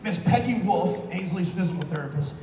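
An excitable man presenting and chatting as a host, often firing off short questions. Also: sits high, brisk. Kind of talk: animated on-camera chat and presenting. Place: large hall and busy corridor indoors. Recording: echoey hall with crowd noise.

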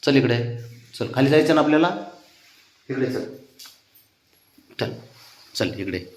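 A man's voice: medium pitch, expressive, slow. A man talking casually to his pet cat, coaxing it with short repeated calls.

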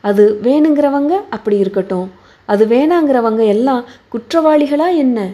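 A woman voicing a devoted young husband who calmly reasons with his wife and reassures her. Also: extremely high pitch, moderate pace. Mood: reassuring.

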